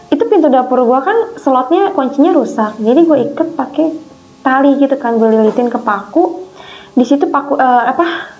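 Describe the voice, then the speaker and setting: A woman's voice: a little high, a little mellow. A woman emotionally retelling a frightening experience in casual slang. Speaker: guest telling her experience. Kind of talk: casual storytelling. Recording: dull lo-fi sound with faint music.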